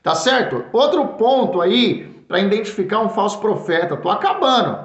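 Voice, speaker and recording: A man's voice: sits high, animated, normal speed. A man with a São Paulo Brazilian accent preaching earnestly, repeating his words and stumbling over fillers as he calls the listener brother. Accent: Brazilian Portuguese, São Paulo. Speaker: pastor, Bible teacher. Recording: echoey room, dull lo-fi sound.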